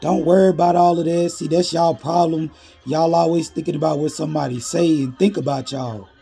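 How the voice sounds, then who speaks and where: A man quoting a persistent young woman from the streets, told in a storytime. The voice stays gravelly and husky, with a drawl, and a little higher than his plain narration. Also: steady tone, fairly quick, dark tone, faint music behind. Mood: indignant.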